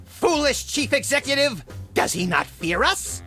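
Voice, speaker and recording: A man's voice: extremely high pitch, very animated, measured pace, pushed and bright, soft background music, heavily acted. An actor playing a small, manic, gleefully violent male rabbit sidekick in a comic cartoon game, impish and wisecracking. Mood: gleeful aggression.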